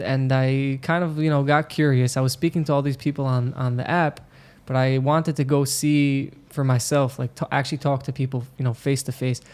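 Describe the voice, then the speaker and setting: A man from Israel sits in as a podcast guest and recounts his experiences in a loose, unhurried chat. His voice sits at an ordinary middle pitch. He keeps pausing on "um" and "you know" as he works through each story. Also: a little mellow, clear, resonant tone. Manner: hesitant, full of "um" and "you know" fillers.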